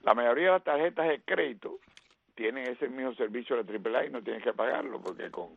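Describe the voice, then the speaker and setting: A man's voice: mid-range voice, fairly quick, vocal fry, breathy edge. A man joining a sports radio show as a guest commentator, easygoing and giving advice in casual talk, heard over a muffled lo-fi line.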